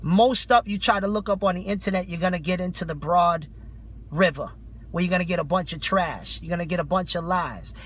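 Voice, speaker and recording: A man's voice: high-pitched, brisk, fairly bright tone. A man in his thirties, a street preacher giving an off-the-cuff sermon in colloquial slang with urgent, fanatical zeal. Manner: fervent, fanatical religious zeal, urgent and exhorting. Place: inside a parked car.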